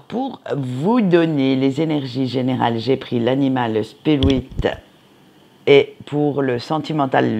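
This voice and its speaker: A card reader giving a weekly forecast to listeners, pausing often with fillers and restarting phrases, gently advising. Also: medium pitch, creaky. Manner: hesitant, frequent fillers and restarts; gentle advice-giving, addresses listeners directly. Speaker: tarot and oracle card reader.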